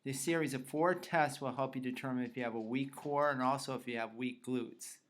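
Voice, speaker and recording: A man's voice: medium pitch, steady tone, fairly quick. A man speaking as a fitness trainer, explaining in a plain instructional way and giving directions step by step. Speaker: fitness trainer presenting a tutorial. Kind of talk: instructional explanation of self-tests.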